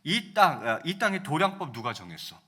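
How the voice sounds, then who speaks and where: Guy pastor preaching, chatty, keeps asking the room questions, bright voice that swings up and down a lot. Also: a little high, very animated, moderate pace, husky. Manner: conversational, asks the listeners rhetorical questions. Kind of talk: sermon.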